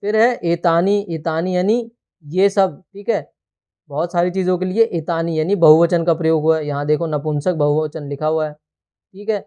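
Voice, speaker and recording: A man's voice: on the high side, fairly even intonation, warm tone, smooth, muffled recording. A man teaching a textbook lesson, explaining words one by one and checking in often with "theek hai". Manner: explains terms slowly word by word.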